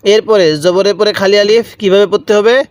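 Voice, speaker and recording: A man's voice: sits high, flat delivery, a little mellow, no room sound. A man teaching Quran letter reading step by step, patiently repeating and drawing out each syllable. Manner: patient, repetitive, drawn-out syllables. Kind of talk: step-by-step recitation lesson.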